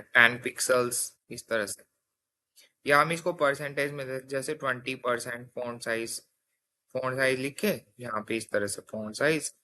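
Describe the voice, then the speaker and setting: Bright-voiced man explaining step by step. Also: mid-range voice. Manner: explains step by step, often checks with "theek hai". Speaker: coding teacher. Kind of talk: casual spoken tutorial.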